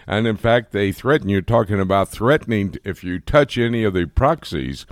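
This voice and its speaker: Low-voiced male radio host, dry sound. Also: expressive, moderate pace, dry recording. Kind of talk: radio talk show.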